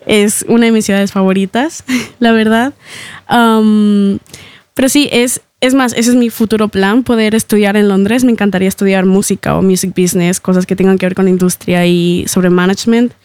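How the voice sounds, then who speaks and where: Young woman from Ecuador, radio guest, smooth voice, dry booth sound, chatty. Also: mid-range voice, fairly even intonation, moderate pace, a little mellow, no room sound. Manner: chatty, laughs often, many fillers. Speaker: singer, interview guest. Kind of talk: radio interview. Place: radio studio.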